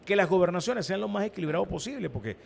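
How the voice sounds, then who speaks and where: A man's voice: high-pitched, animated, fast, gravelly, a little hiss or hum. A Venezuelan man, an opposition party leader, speaking as a guest in a political interview, emphatic and given to repeating his words.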